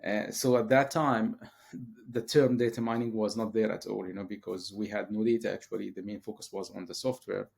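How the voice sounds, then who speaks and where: A man's voice: fairly low pitch, steady tone, a little fast, vocal fry, darkish tone. A man from Syria, a professor, answering interview questions hesitantly with many fillers and restarts. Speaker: guest, professor.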